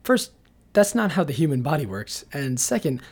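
A man reading a scripted narration in a measured, analytical way. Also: fairly high pitch, very animated, husky. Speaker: video essay narrator.

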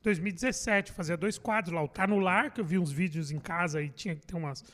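A man's voice: high-pitched, fast talker, fairly bright tone, big-room sound. A middle-aged man, a comedy writer and guest, chatting casually and swearing freely as he acts out the reactions he quotes. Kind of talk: casual podcast chat.

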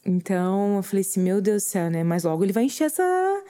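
Very animated and quick, a woman with a warm, mid-range voice gives an emotional testimony about her faith on someone else's podcast. She's earnest, occasionally tearful, and acts out what she herself said.

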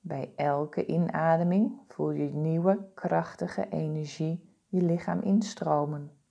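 A woman guiding a body-scan meditation with slow, soothing, calm instructions. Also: low-pitched, creaky, dull audio. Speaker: meditation guide.

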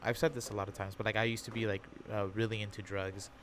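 A man's voice: lowish voice, flat delivery, fast talker, fairly bright tone, a little hiss or hum. A man in his twenties hosting a casual podcast chat, rambling and repeating himself as he feels out his point. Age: 20s. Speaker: podcast host.

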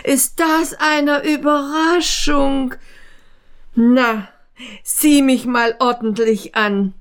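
A woman's voice: sits high, fairly even intonation, very slow, pitched above the performer's own voice. Woman putting on a gushing skinny man. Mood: excited. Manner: gushing, fawning, talkative. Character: thin excitable chatty middle-aged man.

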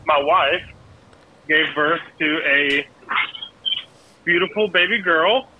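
A man's voice: on the high side, slow, phone-quality sound, noisy background. A young man calling in on his phone while walking around a hospital, upbeat and a bit scattered, laughing often. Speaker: caller. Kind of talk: casual phone chat. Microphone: earbuds on a phone call.

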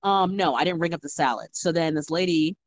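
A young woman, a bartender, telling stories in a casual, animated chat full of fillers. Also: sits low, a little fast, no room sound. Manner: animated storytelling with many fillers. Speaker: guest bartender.

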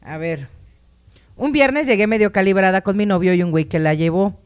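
A young woman with a Mexican accent co-hosts a loose live chat show, reading listener anecdotes aloud. She swears casually, jokes along and laughs easily. Her pitch sits in the middle of a woman's range. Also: moderate pace, smooth. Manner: crude, laughing, reads listener stories aloud. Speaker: podcast co-host.

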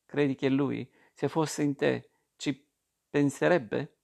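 A man reading the lines of a calm, worldly young woman in an audiobook. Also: mid-range voice, slow pace, gravelly.

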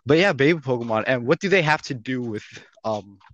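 A man co-hosting a casual podcast about a video game, chatting in an excitable fan way. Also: medium pitch, brisk, dry recording, highs cut off. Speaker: podcast co-host.

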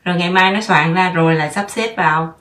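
A woman's voice: on the low side, quick pace, a bit bright, recorded from a distance. Chatty woman giving parenting advice. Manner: chatty, mixes in English words. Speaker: parenting podcast host. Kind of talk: casual advice talk.

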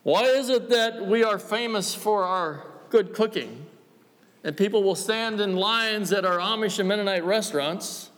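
An American man preaching a revival-style sermon, emphatic and exhortatory, with deliberate pauses and rhetorical questions. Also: high voice, fairly bright tone. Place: large church or hall, preaching to a congregation. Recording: echoey hall with long reverb.

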